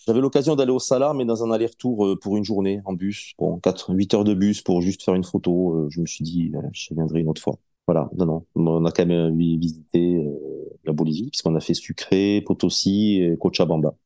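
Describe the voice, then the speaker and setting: Low and mellow, this late-forties man's voice comes through a dry, close recording with no echo as he chats casually as a podcast guest. He takes his time, pausing and starting his sentences over often.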